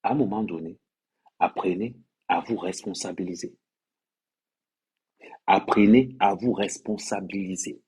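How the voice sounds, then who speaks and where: Speaking slowly with long pauses, a Cameroonian influencer scolds his livestream audience, repeating phrases for emphasis. His voice is low, husky and a little mellow.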